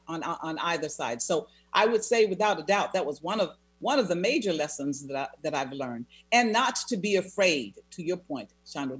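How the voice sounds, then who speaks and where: A therapist being interviewed, speaking in a measured, reflective way and repeating phrases for emphasis. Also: mid-range voice, fairly bright tone, breathy edge. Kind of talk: conversational interview.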